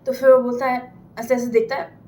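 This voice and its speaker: A woman's voice: a little high, flat delivery, brisk, a little mellow. A young woman from India casually telling a made-up story, chatty and often asking "theek hai?" as she goes. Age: young adult. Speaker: vlogger telling an imagined story. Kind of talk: casual storytelling, Hindi mixed with English.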